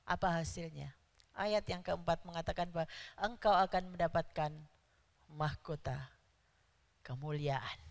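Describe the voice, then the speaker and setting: Emphatic woman preaching in a church hall. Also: medium pitch. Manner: emphatic, rising to loud stresses on key words. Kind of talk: sermon.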